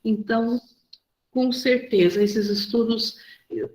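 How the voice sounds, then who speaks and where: A woman leading an online spiritual study session, speaking gently and in a measured way over a video call. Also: on the high side, steady tone, echoey room, poor audio. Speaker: study group leader.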